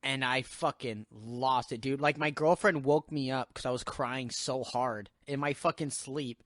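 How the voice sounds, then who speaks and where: A young man in casual podcast chat, his speech loose and rambling, full of swearing and filler words. His voice sits at an ordinary middle pitch. The recording is close and dry, with no room sound. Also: a little slow, a bit bright, dry recording. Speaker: podcast host.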